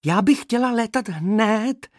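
A man voicing tiny young female bees who are eager and impatient to fly, in a high, squeaky, excited voice. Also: breathy edge, dry recording, studio quality, full character voice.

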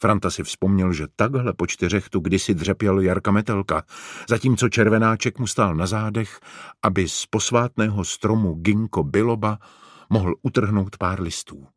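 Low-voiced guy reading an audiobook, steady pace, dry sound. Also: dry recording. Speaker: narrator. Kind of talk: audiobook narration.

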